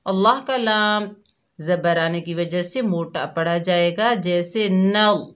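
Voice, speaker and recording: A woman's voice: on the low side, measured pace, fairly bright tone. A woman teaching Quran recitation, patiently spelling out each syllable and repeating it. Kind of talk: slow step-by-step recitation lesson.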